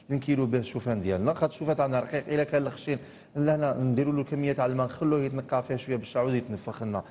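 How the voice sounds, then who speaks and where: Fast-talking Algerian chef in echoey studio. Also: male voice, medium pitch, mellow. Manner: rapid, explaining steps. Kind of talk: cooking demonstration. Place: TV studio kitchen.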